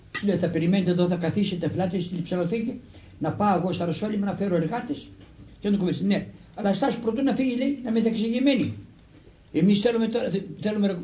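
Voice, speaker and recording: An older man, a monk, recounting a personal story in a halting way, restarting words and acting out the dialogue he quotes. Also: high-pitched, warm tone, slight background noise. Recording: echoey room.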